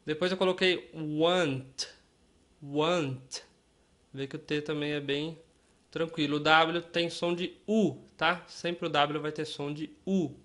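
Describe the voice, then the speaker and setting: A male English teacher with Portuguese as his first language, talking through a lesson at an unhurried, careful pace. His voice sits a bit high for a man, and he repeats each example word so that learners can follow. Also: steady tone, fairly bright tone. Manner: slow and deliberate, repeating and spelling out words for learners.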